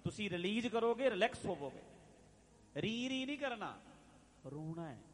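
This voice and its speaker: A man preaching a religious sermon, addressing listeners directly, repeating phrases and chanting scripture lines slowly. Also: sits high, sing-song. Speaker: Sikh preacher.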